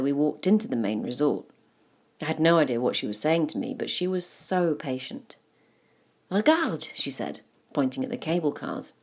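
A woman's voice: sits low, a little mellow. A woman narrating a personal memoir in a wry, self-deprecating way. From England.

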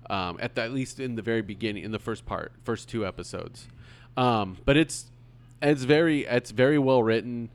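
A man's voice: mid-range voice, normal speed. Rambling man hosting a podcast. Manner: rambling, many ums and restarts. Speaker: podcast host. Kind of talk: casual chat.

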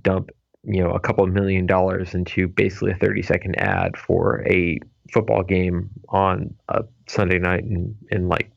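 A man co-hosting a podcast in relaxed casual chat, full of fillers. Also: sits low, creaky, no echo, dull audio. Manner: laid-back, filler-heavy. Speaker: podcast co-host.

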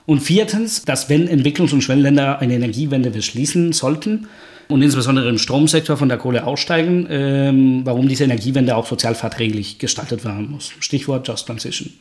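Guatemalan-born male researcher, podcast guest, measured and hesitant delivery, mid-pitched. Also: darkish tone. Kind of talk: podcast interview.

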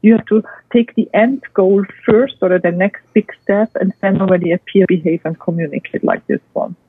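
A woman's voice: medium pitch, fairly even intonation, moderate pace, breathy edge, dry recording. A woman with a non-native English accent gives structured expert advice, emphatically listing and repeating her points. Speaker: guest expert and speaker. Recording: tinny phone-like line, dry.

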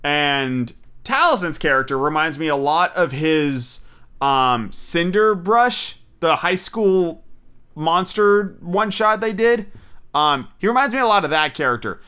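Man, podcast host, bright tense tone, crisp smooth voice, rambling, swears a lot, eager fan. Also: on the high side, lively intonation, unhurried. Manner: rambling, frequent fillers and restarts, swears casually; enthusiastic fan. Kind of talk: casual solo podcast commentary.

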